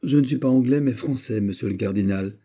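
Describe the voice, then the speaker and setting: Un homme jouant un comte fier et impassible. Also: male voice, medium pitch, a little fast, mellow, pitched above the performer's own voice, natural voice. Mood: froid. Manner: sec, impassible, réponses mesurées. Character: noble comte mousquetaire, fier, froid, digne.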